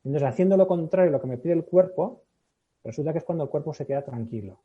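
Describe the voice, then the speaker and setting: A man with a Spain Spanish accent, a public speaking expert explaining as a podcast guest. He talks in an animated way, acts out little scenes and keeps checking in with "¿no?". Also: on the high side, quick pace, husky. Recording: thin phone-like audio.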